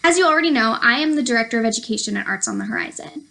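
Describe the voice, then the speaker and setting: A young woman reads a picture book to children at storytime with slow, sing-song, very lively delivery and playful whispers. Her voice is on the high side and creaky.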